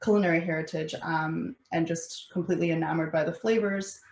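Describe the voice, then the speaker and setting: A woman founder speaking in a level, low-set voice that barely rises or falls. She talks in measured phrases with frequent pauses and fillers. Her voice carries a roomy echo. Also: fairly even intonation, vocal fry, darkish tone. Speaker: food company founder. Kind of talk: panel interview answer. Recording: echoey room.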